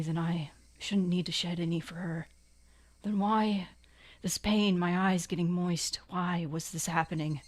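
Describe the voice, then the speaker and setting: A woman's voice: on the low side, close to an everyday voice. A woman voicing an anguished teenage anime boy, reading visual novel narration dramatically in an anime boy voice.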